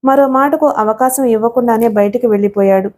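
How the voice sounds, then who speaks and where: A woman's voice: fairly high pitch, fairly quick, mellow. A woman reading a novel aloud as an audiobook narrator, telling the story steadily and speaking the characters' lines in her own voice.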